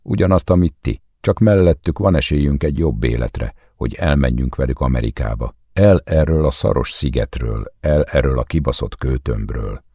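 A man with a very deep, husky voice voicing a defiant young woman who answers bitterly in an audiobook. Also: few pauses, dark tone, no echo, clean studio sound.

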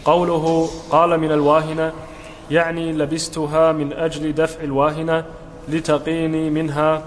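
A man reads a religious text aloud for his teacher in a fairly high and very flat voice. The sound has a long hall reverb with faint noise behind it. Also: normal speed. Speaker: student reading the text aloud.

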